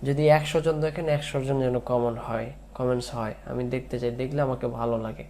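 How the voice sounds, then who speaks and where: A man teaching Quran recitation, drawing out the verses in a slow chant between spoken explanations. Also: mid-range voice, steady tone, a little mellow. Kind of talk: tajweed lesson with chanted recitation.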